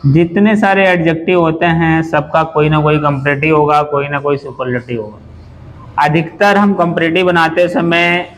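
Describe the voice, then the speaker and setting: In a low-quality recording with a bit of hiss or hum, a male teacher with a fairly high, steady voice leads a class through English grammar. He takes his time, spells out words one letter at a time and regularly puts questions to the class.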